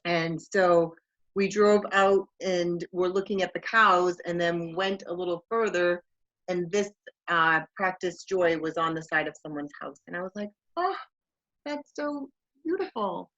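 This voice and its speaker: A woman's voice: on the low side, steady tone, a little slow, a bit bright. Chatty woman storyteller, video call, slightly dull lo-fi sound. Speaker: staff member sharing news. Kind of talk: casual video-call chat.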